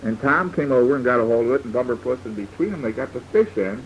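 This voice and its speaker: An older man, a grandfather, improvising a rambling bedtime story for a child and pausing to explain words. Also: medium pitch, lively intonation. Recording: dull lo-fi home tape with faint hiss.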